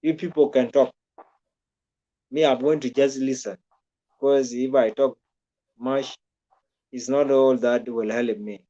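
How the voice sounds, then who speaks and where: A man's voice: medium pitch, fairly even intonation, slow pace, pauses often, warm tone, lo-fi sound. A man from South Sudan giving rambling, repetitive political commentary in a casual talk, with frequent restarts.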